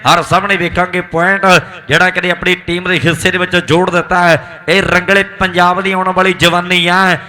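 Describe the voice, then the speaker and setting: A man with a Malwai Punjabi accent gives live kabaddi commentary in an excited, rhythmic hype style with repeated exclamations. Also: sits high, brisk. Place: outdoor village tournament ground.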